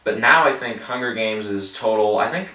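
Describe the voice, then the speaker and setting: A tired man with a fairly low voice chats loosely and rambles, stumbling over his words and laughing at himself. He sits some way back from the mic in an echoey room. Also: moderate pace, pushed and bright. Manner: chatty, self-deprecating, laughs at himself, many fillers. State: tired, late at night. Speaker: box office prediction vlogger. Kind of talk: casual rambling commentary. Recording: roomy echo, distant from the mic.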